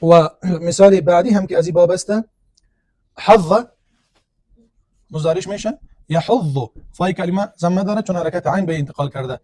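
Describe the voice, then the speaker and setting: A man's voice: high-pitched, pauses often, warm tone, no room sound. A man teaching a grammar lesson, explaining step by step and asking and answering his own questions. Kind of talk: classroom lecture on grammar.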